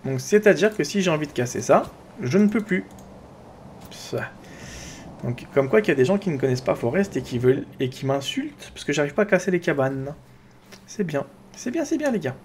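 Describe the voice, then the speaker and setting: A man with a French accent doing chatty, excitable let's play commentary, talking to his viewers and to his own character. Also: on the high side, a little fast, slight background noise. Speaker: gaming YouTuber.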